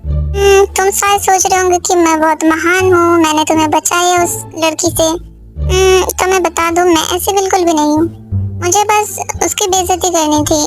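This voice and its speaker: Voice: very high voice, steady tone, normal speed. Someone doing a bold teasing rich girl. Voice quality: teasing, mocking. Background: background music.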